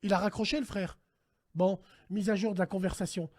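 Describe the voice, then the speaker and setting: A man hosting a casual call-in stream, animated and slangy, swinging between hushed dread and loud outbursts. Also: sits high, a little fast. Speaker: host. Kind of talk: casual livestream radio chat.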